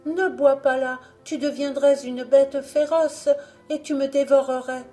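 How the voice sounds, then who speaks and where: A woman voicing a young girl, a frightened, loving sister who pleads in a high, urgent voice, in a storybook reading. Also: expressive, unhurried, darkish tone. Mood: pleading.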